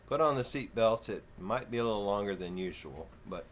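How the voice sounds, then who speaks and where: A man in his fifties with a Texan southern twang, talking slow and folksy in a rambling, casual vlog. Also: on the low side, animated, a little hiss or hum. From Texas. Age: 50s. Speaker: vlogger.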